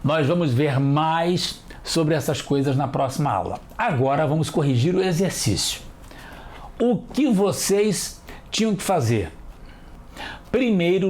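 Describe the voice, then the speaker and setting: A teacher leads a children's TV lesson at an unhurried pace. Each sound is spelled out with care, and the pitch rises and falls with a lot of lively movement. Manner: slow, careful, spells out sounds.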